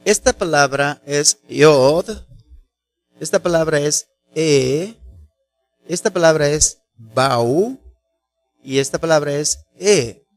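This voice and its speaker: A man preaches a sermon over soft background music, his voice on the high side with lively intonation. He teaches slowly and deliberately, asks listeners rhetorical questions and stretches out key phrases for emphasis.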